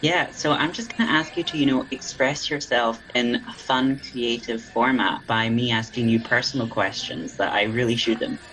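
A podcast host running an improvised comedy interview in the guise of a café server. The delivery is deadpan and teasing. The pitch sits mid-range. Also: normal speed, few pauses, faint music behind, low-quality recording.

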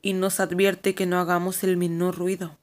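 A woman's voice: on the low side, level tone, moderate pace, natural voice. A woman voicing an older girl in a storybook reading, speaking in urgent, alert calls. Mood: calm. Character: young girl, watchful and urgent.

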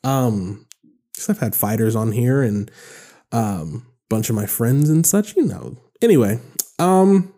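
A man's voice: medium pitch, lively intonation, measured pace, dark tone. A man in his thirties hosting a solo podcast, rambling and joking in casual chat with lots of fillers. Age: 30s. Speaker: podcast host.

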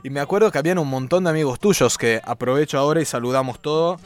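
An Italian man hosting a podcast in Spanish, chatting in a relaxed, rambling way with an Italian accent and Argentine turns of phrase. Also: fairly high pitch, fast, faint music behind. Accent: Italian speaking Argentine Spanish. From Italy. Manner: relaxed, rambling, laughs easily. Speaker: podcast host. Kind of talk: casual interview chat.

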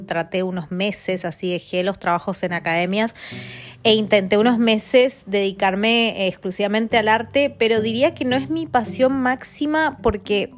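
A woman in her thirties from Mendoza, Argentina, hosts a casual podcast monologue in a mid-range voice with an Argentine Spanish accent. She chats along with plenty of fillers and tag questions.

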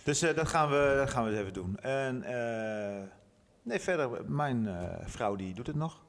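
A man's voice: mid-range voice, expressive, measured pace. A Dutch man from Groningen, co-hosting a casual podcast with laid-back, jokey banter. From Groningen, Netherlands. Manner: laughs often, easygoing banter. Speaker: podcast co-host, physiotherapist. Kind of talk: casual chat. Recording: room with long reverb.

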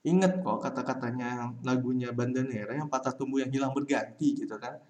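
A man's voice: mid-range voice, brisk, a little mellow. A young man talking through a casual solo podcast, giving rambling, slangy advice full of fillers. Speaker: podcast host. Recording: roomy echo.

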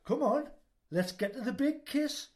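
A man's voice: very high-pitched, expressive, unhurried. A man playing a shy man who remembers childhood sweethearts and then coaxes his friend to tell his own story.

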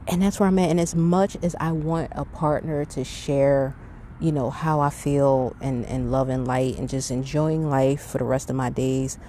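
A middle-aged woman hosts a solo podcast, speaking off the cuff in a low-pitched, dark-toned voice over a little hiss or hum. Her casual, unscripted monologue is candid and rambling, full of emphatic advice.

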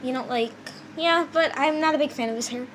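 A woman co-hosting a podcast, excitable and giggly in casual chat. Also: sits high, brisk, over a noisy crowd. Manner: excitable, giggly, hesitant restarts. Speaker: podcast co-host.

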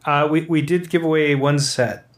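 Higher-voiced man, casual unscripted host talk. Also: fairly even intonation, moderate pace. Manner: casual, easygoing chat. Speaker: host of a music quiz show.

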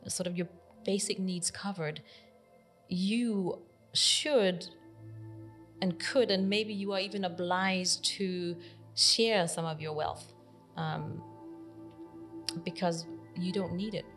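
A woman in her forties from Denmark, a podcast guest talking through her story thoughtfully, pausing often with fillers. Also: lowish voice, fairly even intonation, a bit bright, soft background music. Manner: thoughtful, hesitant with many pauses and fillers. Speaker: podcast guest, nonprofit library director. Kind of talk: reflective interview conversation.

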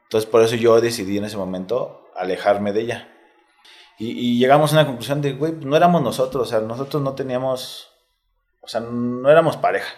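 A man's voice: medium pitch, steady tone, brisk, a little mellow. Candid, slangy Mexico City man. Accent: Mexico City Spanish. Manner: candid, slangy, tells it step by step. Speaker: interview guest, retired footballer. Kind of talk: casual interview storytelling.

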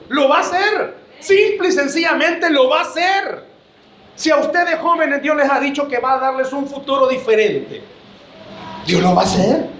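A man's voice: extremely high pitch, a bit bright, roomy sound, slight background noise. A man preaching a sermon to his church, joking and calling his listeners brother.

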